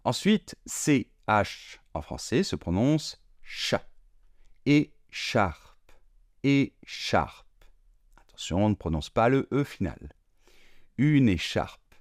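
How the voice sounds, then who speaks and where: Deep, slow-speaking man teaching pronunciation. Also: big pitch swings, a little mellow, no echo, studio quality. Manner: slow and deliberate, drawing out sounds and repeating words. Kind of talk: slow, careful pronunciation lesson.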